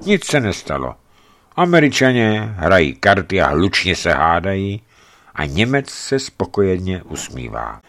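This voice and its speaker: A man narrating a scripted travel account in a measured storytelling manner, with vivid emphasis. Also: low-pitched, sing-song, fairly bright tone.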